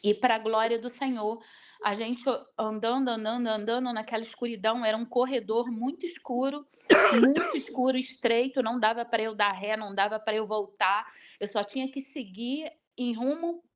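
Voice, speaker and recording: A woman's voice: fairly high pitch, normal speed, dull audio. A woman telling a dramatic personal testimony, acting out the dialogue as she goes. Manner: vivid retelling that acts out the dialogue. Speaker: guest sharing a testimony. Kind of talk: emotional personal storytelling.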